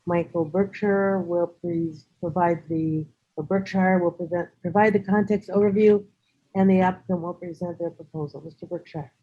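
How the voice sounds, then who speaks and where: A woman's voice: lowish voice, steady tone, moderate pace, dark tone, husky. Woman chairing a virtual meeting, lo-fi. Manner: chatty, laughs easily. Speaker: commission chair. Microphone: video call. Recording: dull lo-fi video call audio.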